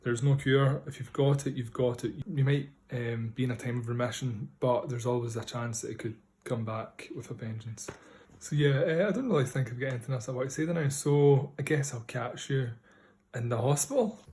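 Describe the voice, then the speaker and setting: A man's voice: medium pitch, moderate pace, darkish tone. Man with a broad Scottish accent. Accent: strong Scottish. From Scotland. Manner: speaking carefully to be understood. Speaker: vlogger. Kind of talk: casual personal video diary.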